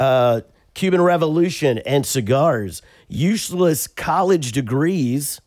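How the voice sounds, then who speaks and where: A man's voice: fairly high pitch, animated, slow pace, darkish tone, dry recording, studio quality. A man hosting a comedy podcast with an American accent, crude and joking as he runs through the lineup and topics. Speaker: podcast host. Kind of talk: casual comedic chat.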